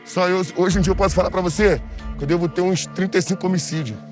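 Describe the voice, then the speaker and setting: A man, his voice electronically altered to hide his identity, answering interview questions bluntly. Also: sits high. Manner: blunt, matter-of-fact, talks fast. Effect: electronically altered voice to disguise identity. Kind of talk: casual interview. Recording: music playing under the voice.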